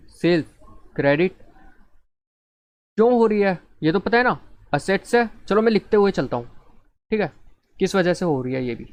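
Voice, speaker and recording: A man's voice: on the high side, no room sound. A man teaching an accounting lesson, reading sums aloud and asking and answering his own questions. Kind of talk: screen-recorded lesson.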